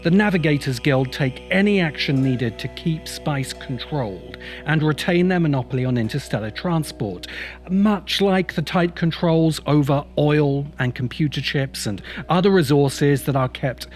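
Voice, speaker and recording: A man who hosts and writes science fiction video essays delivers scripted narration in an emphatic, opinionated, rhetorical style. His voice is on the high side at normal speed, with background music playing.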